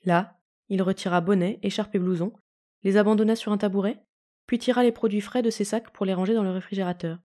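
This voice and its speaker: A woman reading a fanfiction story aloud in calm, even audiobook narration. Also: mid-range voice, fairly quick. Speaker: fanfiction reader.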